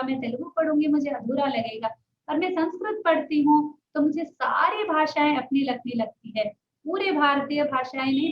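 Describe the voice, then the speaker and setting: Woman, pronunciation teacher, unhurried delivery, drawn-out demonstrated sounds, far from the mic, muffled. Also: high voice. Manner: patient, repeats sounds slowly, asks "है ना?" often. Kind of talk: spoken lesson, explaining and demonstrating sounds. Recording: echoey, distant, dull lo-fi sound.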